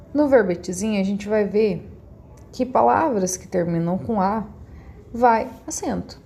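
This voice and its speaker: A woman's voice: medium pitch, vocal fry, mellow, a little hiss or hum. A woman teacher with a Brazilian accent, patiently walking young pupils through a lesson step by step. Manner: patient, step-by-step explaining to children. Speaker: schoolteacher. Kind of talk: recorded remote class.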